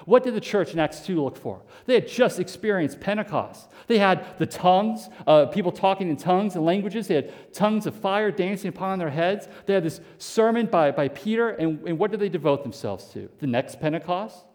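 A man's voice: sits high, lively intonation, a little fast, hardly any pauses, darkish tone, big-room sound. A male pastor preaching a sermon, asking rhetorical questions and repeating words as he restarts. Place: church sanctuary.

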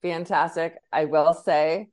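A woman co-hosting a casual sports podcast, giving a relaxed recap of a game. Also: deep voice, slow pace.

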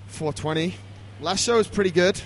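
A man's voice: high voice, moderate pace, slight background noise, poor audio. A man hosting a podcast in casual chat, with jokey, matey banter. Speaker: podcast host.

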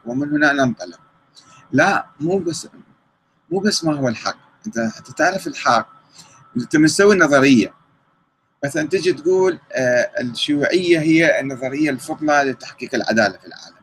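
A man's voice: mid-range voice, fairly bright tone, a little hiss or hum, poor audio. A man with an Iraqi Arabic accent answering viewer questions in a live talk, reading them out and rebutting them conversationally.

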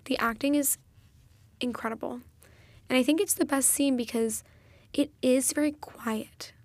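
A woman's voice: high-pitched, steady tone, measured pace, no echo. A young woman hosting a solo film review podcast, retelling scenes with earnest enthusiasm. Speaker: podcast host.

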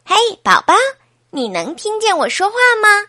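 A woman playing a bossy little girl, high and loud, shouting eagerly in a children's storybook. Dry, close sound. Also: big pitch swings, normal speed, no room sound, heavily acted.

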